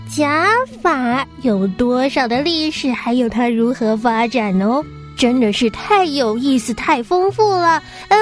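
A woman hosting a children's programme, talking in an animated, simple way as if to small children. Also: high-pitched. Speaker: host of a children's radio show.

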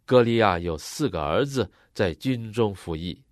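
A man interpreting a sermon phrase by phrase, matching the preacher's expressive delivery. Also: on the low side, normal speed, no room sound, clean studio sound.

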